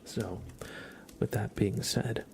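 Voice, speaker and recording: This ASMR livestream host speaks slowly in a gentle, breathy half-whisper near the mic. His voice is on the low side with fairly even intonation, and background noise can be heard.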